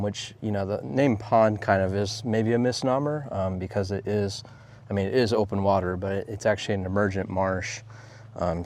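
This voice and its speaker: A man narrating a casual walk-and-talk nature vlog outdoors, relaxed and rambling with many ums. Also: fairly low pitch, slight background noise. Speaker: nature photographer vlogger.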